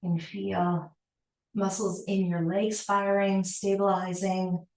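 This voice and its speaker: Female aerobics instructor, unhurried and encouraging, counting and cueing moves in short phrases, very reverberant room sound. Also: mid-range voice, flat delivery. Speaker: fitness instructor. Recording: roomy, echoing indoor sound.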